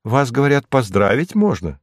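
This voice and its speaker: A man's voice: mid-range voice, sing-song, moderate pace, no echo, clean studio sound. A man voicing a polite young lady hostess in an audiobook, his voice lifted a little. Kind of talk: audiobook character reading.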